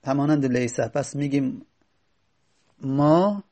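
Brief: male teacher, slightly high, gravelly, patient step-by-step explainer. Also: darkish tone. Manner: patient, repeats examples slowly. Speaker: teacher of Arabic grammar. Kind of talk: explaining lesson.

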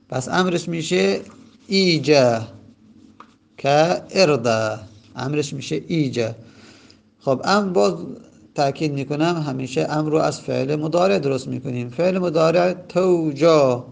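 Gravelly male teacher explaining grammar. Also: fairly high pitch, a little mellow. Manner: patient, repeats forms slowly and spells them out; hesitant fillers between points. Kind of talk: lecture on Arabic verb morphology.

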